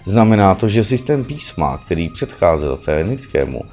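Low-voiced man lecturing, muffled recording. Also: very animated, a little mellow. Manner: lecturing, with frequent self-corrections and "že ano" tags. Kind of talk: spoken lecture. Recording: dull lo-fi recording with faint music behind.

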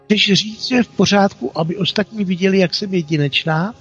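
A man voicing a tiny, excitable girl soul in a story, asking eager, breathless questions. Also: high-pitched, breathy edge, lo-fi sound, soft background music, voice pushed up.

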